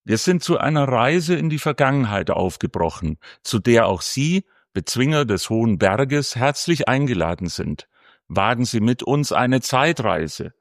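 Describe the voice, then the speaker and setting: A man's voice: mid-range voice, expressive, measured pace, no echo, studio quality. A man narrating a scripted audio guide in a formal, welcoming manner.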